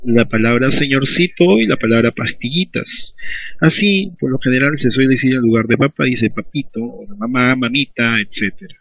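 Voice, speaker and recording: A Peruvian man teaches a school lesson in a husky, mid-pitched voice, posing questions and answering them himself. The recording is dull and lo-fi. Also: normal speed, a bit bright, dry recording. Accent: Peruvian Spanish. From Peru. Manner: explanatory, asks and answers own questions. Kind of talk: recorded class lecture.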